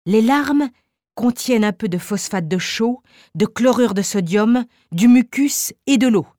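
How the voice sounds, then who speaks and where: A woman's voice: fairly high pitch, expressive, unhurried, dark tone, no echo, clean studio sound. A woman voicing a feverish, obsessed male chemist who declaims with rising fervor in an audiobook reading. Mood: exalted.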